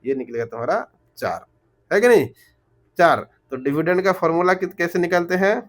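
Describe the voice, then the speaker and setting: Man, slightly high voice, slow repetitive math tutor with rhetorical questions. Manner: switches between Hindi and English terms. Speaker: math teacher. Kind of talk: explaining math problems step by step.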